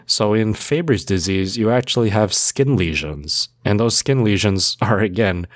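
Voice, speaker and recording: A man's voice: fairly low pitch, normal speed, dry recording, clean studio sound. A man co-hosting a casual educational podcast, walking through medical facts with playful mnemonics. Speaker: podcast co-host.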